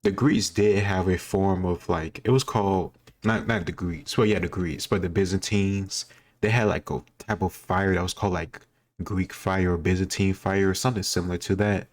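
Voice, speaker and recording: A man with a deep voice reacts to a history quiz video as host, giving casual commentary. He thinks aloud in an informal, rambling way, keeping a steady tone at a moderate pace.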